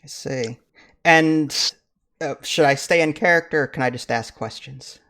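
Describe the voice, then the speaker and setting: A man's voice: on the high side, unhurried, bright, forceful tone. A man playing a tabletop game, talking casually and asking questions as a player.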